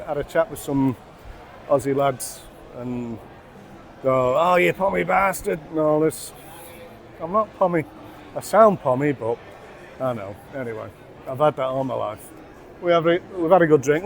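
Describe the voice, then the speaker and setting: A tipsy man with a Mancunian accent, vlogging a pub crawl and chatting loudly and boisterously to camera on a city street. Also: mid-range voice, a little hiss or hum. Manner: loud, boisterous banter. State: tipsy after many beers. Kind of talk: casual chat to camera.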